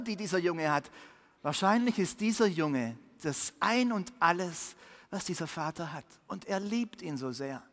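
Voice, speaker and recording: A preacher telling a Bible story to children in a sermon, with vivid swings between hushed and lively delivery. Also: medium pitch, in a large hall.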